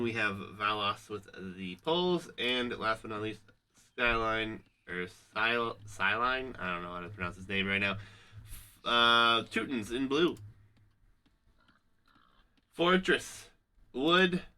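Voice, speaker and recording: A man's voice: on the low side, bright, forceful tone. A man casting a live strategy game tournament, upbeat and hype-building. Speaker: caster.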